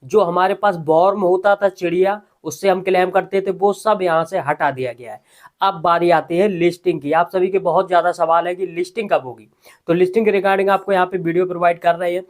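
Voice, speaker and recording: A man's voice: high voice, steady tone, brisk. A man, talking casually as host of a tutorial voice-over, often adding "ठीक है". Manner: conversational, repeats filler "ठीक है". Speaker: crypto news host. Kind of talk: screen-recorded tutorial voice-over.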